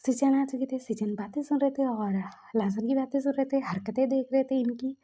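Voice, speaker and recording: A woman's voice: high voice, a little fast, dark tone. A woman casually narrating a fan fiction story in a chatty way, retelling who said what. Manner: chatty, retelling with "then he says".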